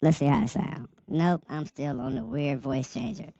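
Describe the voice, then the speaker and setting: A man's voice: expressive, moderate pace, vocal fry, warm tone, no echo, highs cut off. A male host talking casually while a voice changer morphs his voice into something odd. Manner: laid-back, chatty. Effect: voice changer pitching and morphing his voice. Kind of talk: casual talk show.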